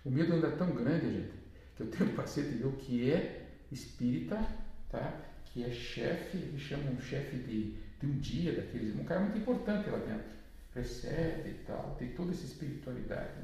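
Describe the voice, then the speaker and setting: A man's voice: medium pitch, vocal fry, mellow. A man with a Brazilian Portuguese accent, a therapist giving a casual spiritual talk in a chatty way, often tagging his sentences with little questions. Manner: chatty, frequent tag questions. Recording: very echoey room, voice from far off.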